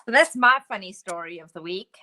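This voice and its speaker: A woman co-hosting a casual chat, relaxed and laughing often as she tells a story. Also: medium pitch, fairly quick. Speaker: co-host.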